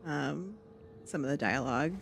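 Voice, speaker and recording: Livestreaming a game with its music playing behind her, a woman chats off the cuff to viewers in a low, gravelly voice at normal speed, amid noisy background sound.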